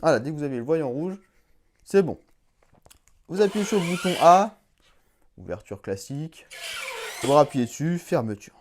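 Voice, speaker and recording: A young man casually demonstrating a gadget, chatty and hands-on, with the odd swear, sounding out English voice commands slowly and with effort. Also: on the high side, animated, darkish tone. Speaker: YouTuber reviewing a collectible. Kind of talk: casual product demo.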